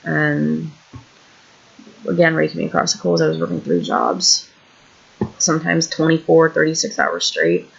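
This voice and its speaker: An Illinois vlogger of about thirty sits on her home couch, ranting candidly and self-deprecatingly about what's going wrong, her thoughts wandering with frustration. Her low voice is gravelly and slightly rough, unhurried with long pauses, on a muffled recording.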